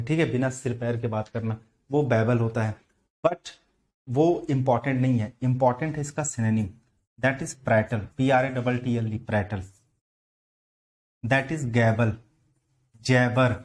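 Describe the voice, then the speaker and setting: A man with a Hindi accent teaches English vocabulary at a medium pitch. He talks patiently, spelling words out letter by letter and repeating them. He asks his students questions as he goes. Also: darkish tone. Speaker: English teacher for exam prep. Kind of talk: online vocabulary lesson.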